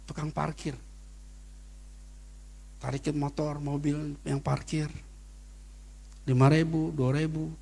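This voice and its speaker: A middle-aged man preaching a sermon as pastor, telling personal stories in casual slang and rising to sudden loud peaks. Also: fairly high pitch, little pitch movement, unhurried, creaky, long pauses. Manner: casual Jakarta slang in anecdotes.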